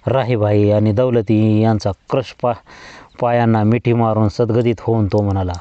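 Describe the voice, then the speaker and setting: A man giving a measured, literary reading of a novel as an audiobook storyteller. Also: lowish voice, flat delivery, dry recording. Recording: dull lo-fi dry recording.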